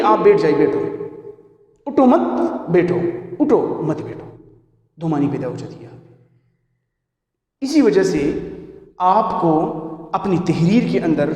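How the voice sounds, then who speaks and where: A man with a Pashto accent teaching a class, explaining slowly and repeating each example. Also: a little high, darkish tone. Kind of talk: classroom lecture on punctuation. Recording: echoey room with long reverb.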